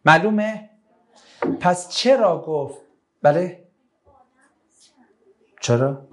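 A man with a slightly high voice delivers a religious lecture to an audience. He speaks with animation, keeps asking rhetorical questions and takes questions from the room. His delivery stays lively and conversational.

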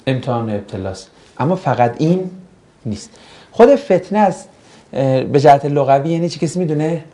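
A man's voice: a little high, lively intonation, mellow. A man teaching a classroom lesson, joking and putting questions to his students. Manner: jokey, asks the class questions and banters. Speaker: religious studies teacher.

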